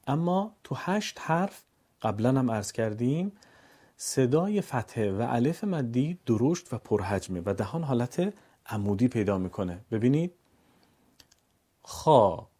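Mellow husky male reading teacher. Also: mid-range voice, sing-song. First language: Persian. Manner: slow, deliberate drawn-out vowel demonstrations; opens with formal poetic greeting. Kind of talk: recorded lesson, letter drills.

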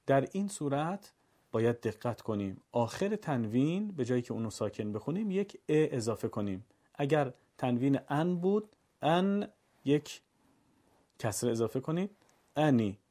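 A man teaching the rules of Quran recitation, explaining step by step and chanting the examples in a slow, melodic voice. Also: mid-range voice, sing-song, mellow. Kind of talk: instructional explanation.

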